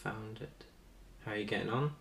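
A man's voice: fairly low pitch, moderate pace, vocal fry, a bit bright, echoey room, a little hiss or hum. A man in a casual chat, good-humoured and self-mocking as he guesses words. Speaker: vlogger being quizzed.

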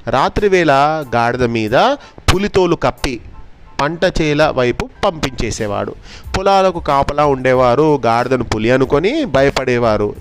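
With a mid-range voice, a man reads a fable aloud slowly and deliberately in a storytelling style, then explains its lesson to a child.

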